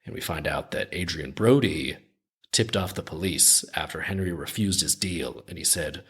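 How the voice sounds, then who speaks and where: A man's voice: sits low, normal speed, a bit bright, husky. A man hosting a podcast, casually retelling a story in a conversational way with frequent restarts. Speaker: podcast host.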